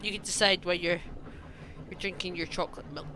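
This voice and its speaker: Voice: mid-range voice, fairly even intonation, brisk, background noise. A streamer on a live broadcast, reading the text of a story game aloud and breaking off to chat with viewers about which option to pick.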